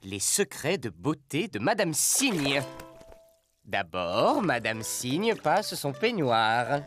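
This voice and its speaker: A man playing an excitable male puppet presenter in a children's educational show, talking in a dramatic, exclamatory way. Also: medium pitch, slow pace, over music. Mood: teasing. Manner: exclamatory, sing-song, dramatic.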